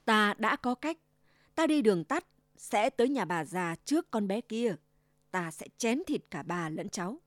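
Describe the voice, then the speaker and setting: A woman voicing a sly old male wolf who growls his plans and then fakes a soft, trembling granny voice, in a storybook reading. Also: mid-range voice, expressive, unhurried, no room sound, studio quality, lightly acted. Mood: gloating.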